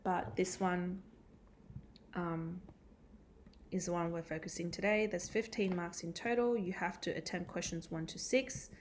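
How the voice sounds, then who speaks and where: A woman's voice: on the low side, steady tone, measured pace, a little hiss or hum. A woman teacher giving a recorded catch-up lesson, explaining step by step with frequent ums and uhs. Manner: explains step by step with many fillers.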